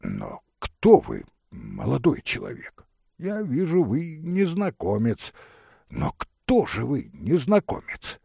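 A man reading an audiobook, voicing a flustered, frightened gentleman who pleads and talks in anxious, half-hushed bursts. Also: medium pitch, huge pitch swings, slow pace, gravelly, breathy edge, dry recording, studio quality, voice pushed up, full character voice. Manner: agitated, pleading, often hushed. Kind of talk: audiobook character voice.

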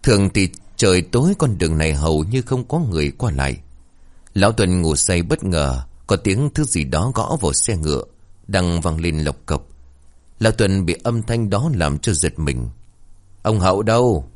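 Brief: male storyteller, very low voice, lively swings of pitch, dramatic horror reading. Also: moderate pace. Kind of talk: scripted horror story narration.

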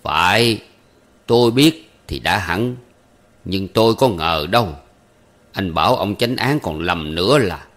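A man voicing a calm older gentleman who speaks in an unhurried, measured way. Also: low voice, heavily acted. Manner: unhurried, measured, mildly ironic.

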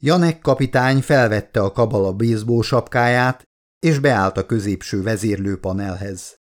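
Man narrating an audiobook. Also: lowish voice. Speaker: author reading own book.

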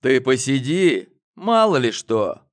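A man's voice: on the high side, very animated, a little slow. A man voicing a touchy, hot-tempered younger twin brother in an audiobook. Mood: touchy, irritable. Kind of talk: audiobook character voice.

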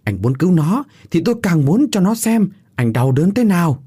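A man voicing a jealous, cruel young woman who taunts her captives with snarling, shrill outbursts. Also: very animated, normal speed, darkish tone, no echo, clean studio sound. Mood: furious.

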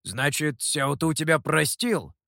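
A man's voice: fairly high pitch, animated, slow, vocal fry, sharp tone, no room sound, studio quality, full character voice. A man voicing a teasing, gloating male monkey demon in an audiobook, speaking in a mocking tone. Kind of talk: audiobook character voice.

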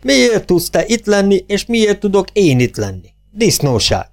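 A man's voice: high-pitched, very animated, gravelly, faint music behind, voice pushed up, full character voice. A man voicing a conscientious male tenor actor who cries out shrilly in indignation. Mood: indignant.

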